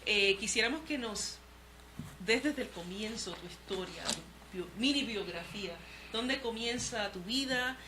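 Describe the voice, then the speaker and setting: A woman's voice: a little high, animated, unhurried, noisy background. A woman hosting an interview, asking friendly questions and slipping in English words.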